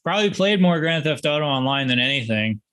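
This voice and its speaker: A man's voice: on the high side, animated, fast, fairly bright tone, smooth. A male guitarist answering interview questions in a rambling, self-deprecating way with many restarts. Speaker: guitarist guest.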